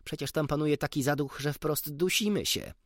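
A man voicing a proud, sharp-tongued female canary in an audiobook, speaking indignantly and briskly. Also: fairly high pitch, dry recording, studio quality, pitched above the performer's own voice. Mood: earnest. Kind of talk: audiobook character reading.

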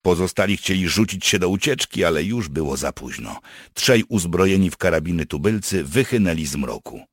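A man narrating an audiobook with dark, wry storytelling. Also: low-pitched, animated, a little fast, no room sound, studio quality. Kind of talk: scripted narration.

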